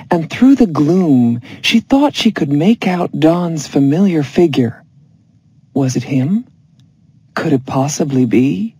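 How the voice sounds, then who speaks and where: Slow, mellow story narrator. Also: medium pitch, husky, no echo. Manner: measured, even reading. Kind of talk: scripted story narration for listening practice.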